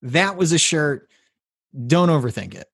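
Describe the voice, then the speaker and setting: A man's voice: fairly high pitch, big pitch swings, unhurried, creaky, a bit bright, husky, no room sound, clean studio sound. A man co-hosting a podcast, playfully recapping a film in casual chat. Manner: playful, recaps plot with jokes. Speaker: podcast co-host. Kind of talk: casual movie-review chat.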